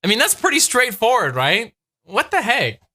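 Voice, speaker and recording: A man's voice: very high-pitched, huge pitch swings, moderate pace, sharp tone. A man hosting a reaction video, rambling and mock-incredulous as he comments.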